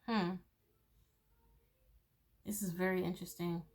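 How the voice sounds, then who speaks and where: A woman's voice: lowish voice, level tone, unhurried. A woman giving a loose, chatty tarot reading, swearing freely and laughing between thoughts. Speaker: tarot reader. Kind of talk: casual tarot reading monologue.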